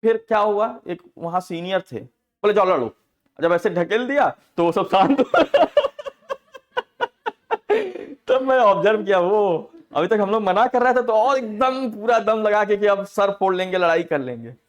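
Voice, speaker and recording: A man teaching accounting software in a casual class, telling stories with frequent laughs and acting out the people in them. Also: high voice, lively intonation, moderate pace, dull audio. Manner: chatty storytelling, laughing often, acting out quoted people.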